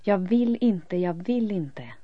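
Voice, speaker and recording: A woman voicing a defiant little girl who shouts her refusals in a raised, loud voice. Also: mid-range voice, animated, no room sound, voice pushed up, natural voice. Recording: dull lo-fi recording.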